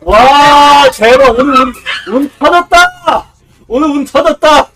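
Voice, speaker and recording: A woman streaming a game who shouts and repeats exclamations in excitement, her loud cries distorting a clipping mic. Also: high-pitched, slow, music in the background. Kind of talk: excited gameplay commentary.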